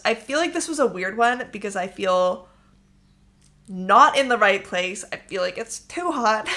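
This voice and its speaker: Her medium-pitched voice gravelly, pushed and bright, a young native English speaker hosts her own podcast. She rambles cheerfully in casual chat from a warm apartment room.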